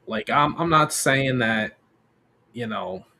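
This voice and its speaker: A man's voice: medium pitch, slow, pushed and bright, slight background noise. A man co-hosting a casual sports talk show, offering hedged, wry opinions. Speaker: co-host.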